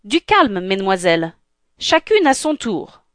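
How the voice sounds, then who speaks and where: A woman's voice: on the high side, lively intonation, a little slow, no room sound, voice pushed up. A woman voices a weary king's servant who keeps his manners while losing patience. Curt and clipped, a little raised. Dry and close. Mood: exasperated. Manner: curt, exasperated politeness. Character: weary king's servant, polite but annoyed.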